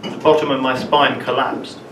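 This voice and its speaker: A man's voice: mid-range voice, little pitch movement. Man telling a story at an open mic, roomy and distant. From London, England. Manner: halting, restarts and repeats words while telling his story. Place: small open mic venue in a room. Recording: roomy, distant, with room ambience noise.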